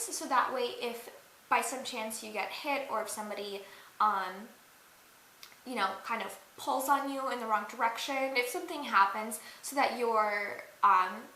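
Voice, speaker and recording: Young woman, fairly high voice, chatty and giggly, makeup tutorial vlog, faint hiss. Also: pushed and bright. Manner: chatty, giggly, lots of fillers. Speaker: beauty and dance vlogger. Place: indoors at a mirror. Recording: echoey room with faint hiss.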